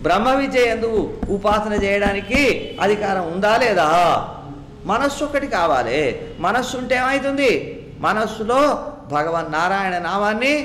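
A man giving an animated religious discourse as a teacher, asking rhetorical questions and reciting Sanskrit lines. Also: high voice, a little hiss or hum. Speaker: Vedanta teacher. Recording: echoey room with faint ambience.

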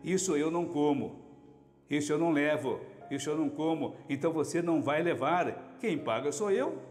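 A man's voice: a little high, lively intonation, normal speed, a little mellow, natural voice. A man voicing a bossy, stingy husband in his sixties who scolds and repeats his orders. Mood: scolding. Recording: echoey hall with music underneath.

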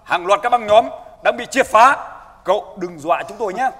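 Old veteran street head, bright and animated, firm and commanding, stage reverb. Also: male voice, high-pitched, normal speed. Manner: commanding, peacemaking.

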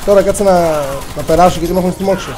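A young man chatting casually with teammates while gaming, excitable and slangy, calling out to the others. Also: high-pitched, background noise. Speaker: gamer playing with friends. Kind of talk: casual gaming chat over voice.

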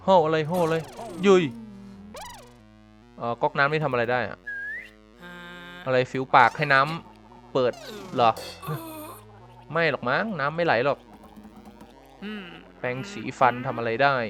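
A man giving excitable let's-play commentary, reacting with quick exclamations and repeating his words. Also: on the high side, a little hiss or hum. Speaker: gameplay commentator.

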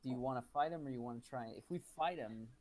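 A man's voice: mid-range voice, quick pace, darkish tone, poor audio. A man playing a remote tabletop game, thinking aloud and planning moves with lots of questions. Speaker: player. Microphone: remote online call.

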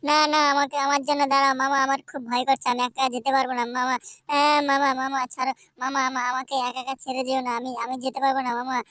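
A woman's voice: sits high, little pitch movement, fast, fairly bright tone, clean tone, dry recording. A woman voicing a scared, whiny little boy who keeps pleading with his uncle and repeats his words. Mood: frightened pleading. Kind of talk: game play voice acting.

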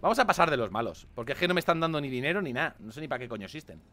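A man with a Spain Spanish accent commenting on a game he plays, animated and swearing, with mock-dramatic outbursts. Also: mid-range voice, racing. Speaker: gaming video host. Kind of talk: casual gameplay commentary.

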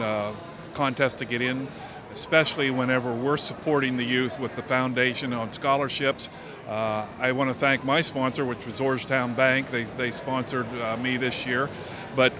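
A middle-aged man speaking informally at an event interview, halting and repeating words as he goes. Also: medium pitch. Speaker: state legislator and fundraiser organiser. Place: large indoor horse show arena. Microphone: handheld interview microphone. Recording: clear ambient noise of busy arena.

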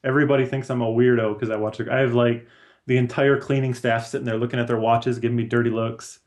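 A comics artist in his thirties talks fast and flatly as a guest in a casual video-call chat, using headphones from a small room at home or an office. His voice is medium in pitch with a darkish tone.

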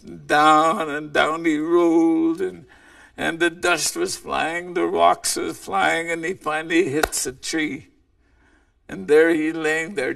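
A man telling an animal folk tale aloud in a slow, rambling way, often repeating words. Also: fairly high pitch, gravelly, a bit bright, recorded from a distance. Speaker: storyteller.

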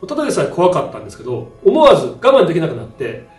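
A man tells a spoken ghost story in a high voice that swings widely in pitch, acting out sound effects as he goes. He is heard from a distance in a roomy space. Faint music plays behind him. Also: rapid-fire. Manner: animated, acts out sound effects and shouts.

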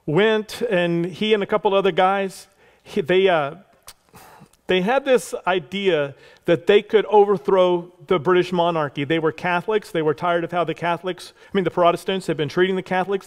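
A man preaching a sermon as pastor, telling a history story in a loose conversational way with asides and little jokes. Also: sits high. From Texas. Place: church sanctuary.

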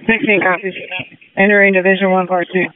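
A man's voice: high-pitched, flat delivery, a little fast. A firefighter, a man, making terse calls on scene over a police-style two-way radio. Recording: tinny radio with clear noise.

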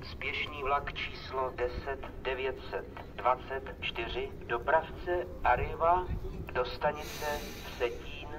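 A male railway announcer reads a scripted notice in formal, separate phrases at a medium pitch. It comes over an outdoor station loudspeaker with loud ambient noise. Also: fairly even intonation, distant mic. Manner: formal, segmented phrase-by-phrase delivery. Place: outdoor railway station, public address system.

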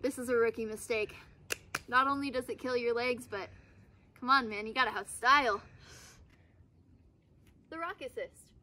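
A young woman with a fairly high voice talks through an outdoor how-to lesson in an upbeat, playfully deadpan way. She's outside in a backyard, picked up by a camera mic. A faint outdoor hush sits behind her. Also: normal speed, long pauses, a little hiss or hum. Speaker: outdoor skills instructor. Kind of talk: scripted instructional video.

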